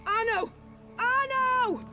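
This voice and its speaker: A woman's voice: lowish voice, moderate pace, over music, natural voice. A woman voicing a cold, commanding aristocratic female vampire in a video game, speaking in a composed, formal way. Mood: frantic.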